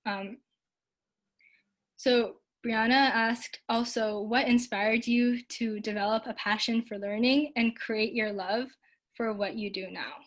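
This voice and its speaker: In a relaxed online talk, a young woman from Canada answers her audience's questions, taking it slowly in a steady, somewhat high voice. She sounds upbeat and earnest, peppering what she says with likes and ums.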